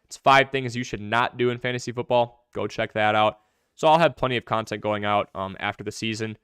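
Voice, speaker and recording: A young man hosting a live fantasy football stream, answering viewer questions in quick, chatty commentary. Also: lowish voice, a bit bright, clear, resonant tone, no room sound, clean studio sound. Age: young adult.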